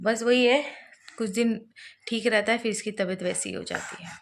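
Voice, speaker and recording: A woman's voice: a little high, moderate pace, vocal fry, slight background noise. A young woman, a mother, chatting straight to her viewers in a casual family vlog, first at home and then at a hospital. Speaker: vlogger, mother.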